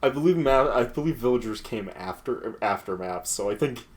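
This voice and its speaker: A man's voice: mid-range voice, lively intonation, normal speed. A man doing casual let's play commentary, a chatty, sweary storyteller telling anecdotes. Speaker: gaming commentator. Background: game music.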